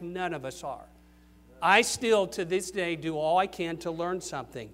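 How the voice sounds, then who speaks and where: High-voiced older male preacher, emphatic. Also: fairly bright tone. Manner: emphatic, rising on key questions then dropping low. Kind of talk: sermon.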